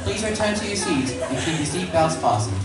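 A man's voice: fairly high pitch, big pitch swings, a little fast, a loud crowd. A man reading a mock plane cabin announcement as a flight attendant in a formal, scripted way. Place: large hall at a live event. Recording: echoey hall PA, far off, noisy.

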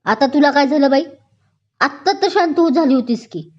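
A woman's voice: sits high, normal speed, darkish tone, voice pushed up, lightly acted. A woman voicing a stern young male police inspector who scolds curtly and sounds exasperated, in a dull lo-fi recording.

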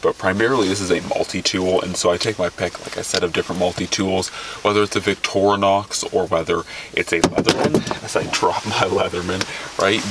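A young man casually walking through his outdoor gear from the back of a vehicle, rambling and correcting himself as he goes. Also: low voice. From Alaska. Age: young adult. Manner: rambling, self-correcting, enthusiastic about gear. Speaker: outdoors vlogger. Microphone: camera a few feet away. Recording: distant mic with clear background noise.

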